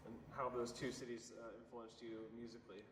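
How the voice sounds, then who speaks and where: Fast-talking male interviewer. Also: medium pitch, little pitch movement, a bit bright, husky. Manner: casual, encouraging, uses filler words. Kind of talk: interview questions. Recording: reverberant room with background noise.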